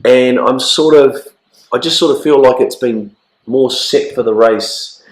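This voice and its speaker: Croaky Australian man in an echoey room. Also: medium pitch. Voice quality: croaky, hoarse frog-like voice. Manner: blokey, halting, repeats himself. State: hoarse from flu. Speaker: co-host of horse racing show. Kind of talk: casual racing chat and tipping. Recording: echoey, roomy sound.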